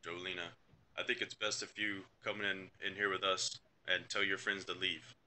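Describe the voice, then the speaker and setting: A stern father speaks low and quiet in a tabletop game, as a man puts him on. He is firm and measured, and his voice stays bright. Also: level tone, slight background noise.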